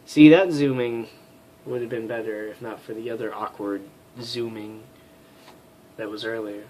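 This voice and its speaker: A man's voice: on the low side, steady tone, moderate pace, darkish tone, a little hiss or hum, rough recording. A man reading through a game as a let's player, with profane, self-mocking comic asides. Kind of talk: comedic game commentary.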